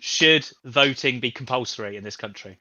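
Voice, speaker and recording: A man's voice: medium pitch, normal speed, bright, forceful tone, lo-fi sound. A man hosting a casual panel discussion, joking and laughing often while putting questions to the panel. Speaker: host.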